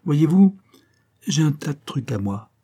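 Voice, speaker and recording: A shrewd, cheeky young actor-detective, read by a man with dry, easy wit. The voice is dark and mellow, with a husky edge, and it stays close to plain storybook reading. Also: on the high side, sing-song, measured pace, pitched above the performer's own voice, exaggerated voice.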